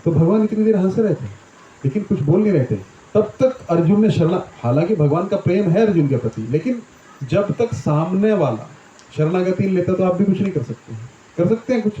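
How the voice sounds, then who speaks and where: A man's voice: sits high, expressive, brisk, warm tone, a little hiss or hum. A man teaching a scripture discourse, explaining with everyday examples and often checking in with his listeners. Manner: explains with homely examples, often asks "right?". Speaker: Gita teacher. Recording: echoey room, dull lo-fi sound.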